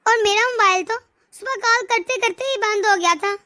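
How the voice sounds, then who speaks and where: A woman voicing a worried, doting mother-in-law in an animated family story, speaking in an anxious, pleading way. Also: extremely high pitch, moderate pace, a little hiss or hum.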